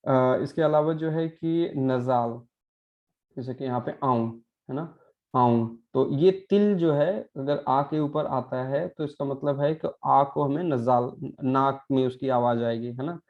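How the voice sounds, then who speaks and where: A male teacher walks his class through pronunciation, repeating each example word slowly and checking that they follow. His voice sits at an ordinary middle pitch. The recording sounds a little dull and lo-fi. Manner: patient, repeats words slowly and adds frequent "है ना" checks. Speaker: Portuguese language teacher.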